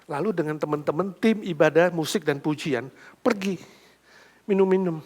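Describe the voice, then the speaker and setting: Man voicing a car dealership manager, confiding, subdued, quiet. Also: on the high side, normal speed, close to an everyday voice.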